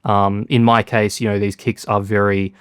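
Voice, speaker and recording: Male producer, low-ish voice, dry sound, casual and self-deprecating tutorial delivery. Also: normal speed, clean tone, no echo. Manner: relaxed, lots of fillers, self-deprecating. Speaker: music producer.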